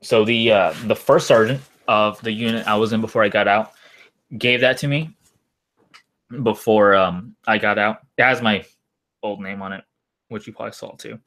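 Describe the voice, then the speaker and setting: A young man with a fairly low voice talks off the cuff as a streamer. He rambles and hesitates, letting his sentences trail away in a loose, casual chat. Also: fairly even intonation, moderate pace, a bit bright. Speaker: live streamer, former Marine.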